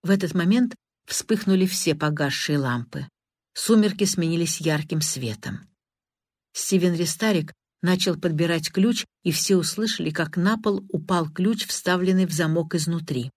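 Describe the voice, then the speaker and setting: A woman reads scripted narration for an audiobook, her voice on the low side and her delivery even and measured. The recording is dry and studio quality.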